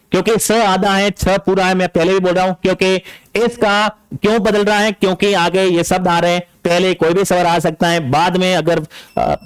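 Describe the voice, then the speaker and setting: High-voiced male tutor. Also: clean tone, no echo. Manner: explains a rule, then repeats it with checks like "ठीक है ना". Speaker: teacher. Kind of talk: exam-prep grammar lesson.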